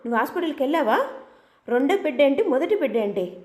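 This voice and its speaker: A woman's voice: sits high, sing-song, fast talker, a little mellow, reverberant. A woman voicing an upset young husband who insists on answers from his wife. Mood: demanding. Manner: insistent questioning.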